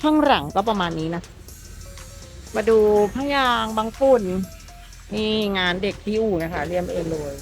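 A woman's voice: mid-range voice, animated, normal speed, faint music behind. Chatty woman showing off a truck. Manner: chatty, enthusiastic, polite sentence endings. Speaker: presenter for a truck body workshop channel. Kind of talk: walkaround vehicle showcase. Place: outdoors at a truck workshop.

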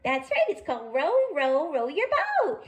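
A very high, bouncy puppet friend chatters to little kids, as a woman puts the voice on. The voice swoops all over with delight, gushing and sing-song, straight out of a children's puppet show. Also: wildly swooping pitch, measured pace, full character voice. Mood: excited. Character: cheerful, excitable puppet friend.

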